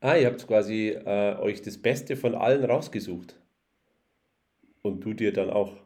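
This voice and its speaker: A man hosting his own podcast, relaxed and joking as he talks with his guest. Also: on the low side, a little slow. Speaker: podcast host.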